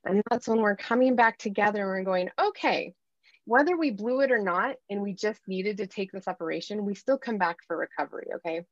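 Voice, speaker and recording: A woman life coach explaining her method in a podcast interview, earnestly acting out gentle self-talk and how she speaks to children. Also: mid-range voice, quick pace, hardly any pauses, no echo. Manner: earnest, acts out gentle self-talk and talks to kids in quoted voices. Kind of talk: conversational advice in a podcast interview. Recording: dull, dry lo-fi sound.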